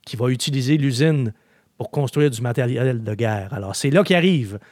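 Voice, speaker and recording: At a moderate pace and medium pitch, a male podcaster chats casually and tells animated stories, leaning often on filler words. His close-miked recording is dry, with no echo.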